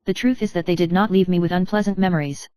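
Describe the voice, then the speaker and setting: A woman narrating a first-person story in a steady, measured reading style. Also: lowish voice, clean tone, no room sound.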